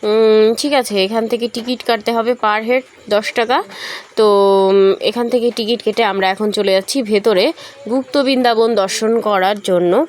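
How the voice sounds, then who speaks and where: In her casual travel vlog, a young West Bengal woman addresses viewers directly, chatting with frequent fillers and self-corrections. She speaks on the high side with fairly even intonation and a measured pace.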